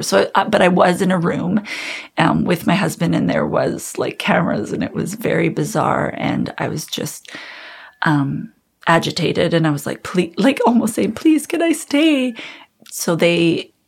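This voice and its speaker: A woman in her thirties, telling her own story as an interview guest in a candid, reflective, halting way. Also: on the low side, creaky, slightly rough.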